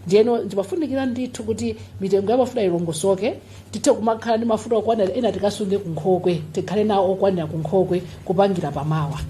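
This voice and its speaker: Malawian lady giving an official briefing, talks fast, soft mellow tone, bit of noise behind her. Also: mid-range voice. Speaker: official addressing the public at a briefing. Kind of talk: explanatory public briefing.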